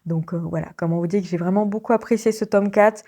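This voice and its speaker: A young woman from Belgium talks casually to her viewers about her reading. She speaks at a middle pitch, with plenty of small hesitations, and she giggles often. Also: fairly even intonation, fast talker, dark tone. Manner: chatty, many hesitations, frequent giggles. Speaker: book vlogger. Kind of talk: casual vlog chat.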